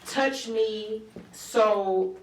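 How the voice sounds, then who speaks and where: A woman guest in an interview, telling her story in animated fashion and acting out quotes. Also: fairly high pitch, drawn-out words, distant mic, a little hiss or hum. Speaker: guest author. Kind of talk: conversational interview. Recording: roomy, from off-mic.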